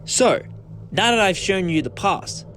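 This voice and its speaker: A man's voice: sits high, animated, a little slow, faint music behind. A man playing an eccentric, confident time-travelling explorer in a fan audio drama, chatty and theatrical. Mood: assured. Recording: loud background noise and ambience.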